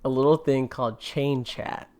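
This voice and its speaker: A man co-hosting a laid-back podcast, talking in loose, filler-heavy rambles. He jokes around as he goes, at an ordinary middle pitch. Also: steady tone, normal speed, a little mellow, slight background noise. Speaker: podcast co-host. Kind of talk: casual chat.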